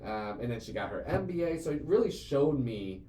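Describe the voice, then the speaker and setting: Warm in tone and a little fast, this mid-range male voice swings widely in pitch. He's a CEO in his late twenties hosting a casual business podcast, talking earnestly in long rambling stretches packed with fillers and repeated words, recorded with a roomy echo and faint ambient noise.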